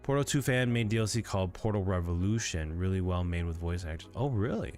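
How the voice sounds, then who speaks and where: Relaxed rambling man streaming at home. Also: low-pitched, fairly quick, soft background music. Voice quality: relaxed, rambling, lots of fillers. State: sleepy, yawning. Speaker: livestreamer. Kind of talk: casual chat with viewers.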